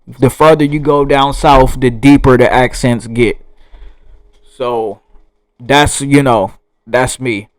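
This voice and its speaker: A man's voice: mid-range voice, steady tone, slow pace, pauses often, no echo, poor audio. A young man with a Southern US accent, talking bluntly and profanely to camera in a rambling monologue. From Southern United States. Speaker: vlogger.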